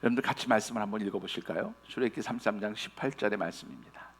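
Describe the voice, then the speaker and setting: A man's voice: lowish voice, rapid-fire, a little hiss or hum. A man preaching a sermon as pastor, speaking earnestly and directly to his congregation and retelling scripture in everyday speech.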